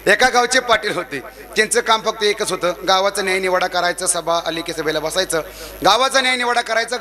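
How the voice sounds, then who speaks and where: A man preaching a devotional kirtan, telling a folksy village story and acting out shouted calls. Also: high voice. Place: village temple gathering. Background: devotional music.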